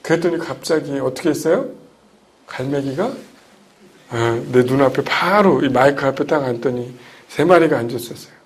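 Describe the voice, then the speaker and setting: A middle-aged man preaching a sermon as a pastor, often putting questions to the congregation and moving between loud emphatic lines and hushed ones. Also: mid-range voice.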